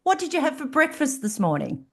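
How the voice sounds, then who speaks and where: A woman's voice: sits high, wildly swooping pitch, fairly quick. A woman hosting an interview podcast, presenting her guest and asking questions. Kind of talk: interview hosting with scripted introduction.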